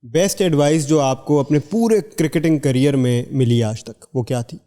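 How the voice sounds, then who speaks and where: A man hosting a podcast interview, asking upbeat, brisk questions. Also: mid-range voice, warm tone, in a large hall. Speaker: podcast host.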